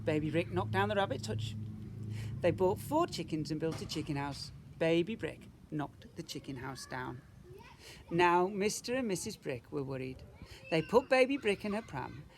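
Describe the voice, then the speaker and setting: A man's voice: a little high, lively intonation, moderate pace, slight background noise. A man reading a picture book to young children as a teacher, emphatically, with rhetorical questions and asides. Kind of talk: animated picture-book storytelling.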